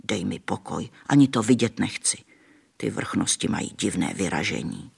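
A man's voice: fairly low pitch, animated, gravelly, slightly rough, voice pushed down, full character voice. A man voicing a kindly old grandmother who tells folk tales to children in a homely, patient way. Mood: dismissive. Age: older. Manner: homely, patient storytelling with folksy sayings. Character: kindly old grandmother, gentle village storyteller.

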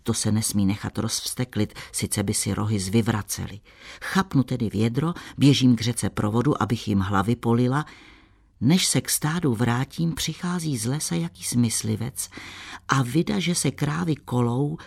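A man's voice: medium pitch, gravelly, husky. A man reading the part of a bold young shepherd girl who talks frankly and plainly. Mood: storytelling.

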